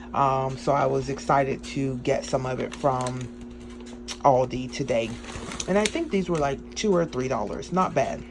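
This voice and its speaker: Chatty, excited woman vlogging her groceries. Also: sits low, gravelly, background noise. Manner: chatty and excited, with many ums. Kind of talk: casual grocery haul vlog. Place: small home kitchen.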